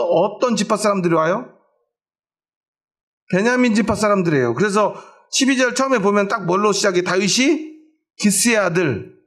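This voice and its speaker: A middle-aged man preaching in church with a high, gravelly voice. He keeps asking the congregation questions and then answers them himself, and he mixes homely everyday stories into the sermon. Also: fairly bright tone. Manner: tells homely everyday stories to make his point. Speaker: pastor.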